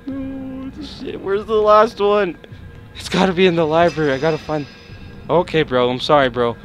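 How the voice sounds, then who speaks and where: A young man playing a horror game, swearing, panicking and yelling at what chases him. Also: sits high, normal speed, soft background music. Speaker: gameplay streamer.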